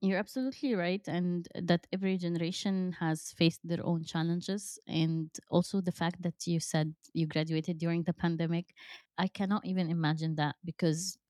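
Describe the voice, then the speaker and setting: A woman's voice: lowish voice, fairly even intonation, moderate pace, darkish tone, dry recording, studio quality. A woman in her thirties hosting an interview, chatty with many fillers and restarts. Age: 30s. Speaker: host. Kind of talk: conversational interview.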